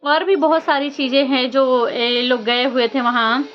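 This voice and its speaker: A woman's voice: high voice, normal speed, highs cut off. Woman, vlogger, chatty gossip commentary, rhetorical questions, faint background noise. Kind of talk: casual gossip commentary to camera.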